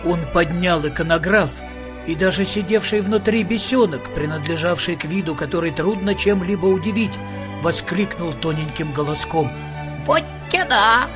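A man narrating a storybook in an even, measured voice. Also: a little high, music in the background. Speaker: audiobook narrator. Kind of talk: scripted narration.

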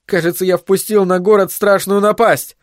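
A harried male scientist, as a man reads him out in an audiobook, talking in hot emphatic bursts and pushing hard. His voice sits above the narrator's usual pitch, dry and close. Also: lively intonation, normal speed, dry recording, close to an everyday voice. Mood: heated. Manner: heated, emphatic, pleading at times. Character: agitated middle-aged male scientist, stubborn, harried.

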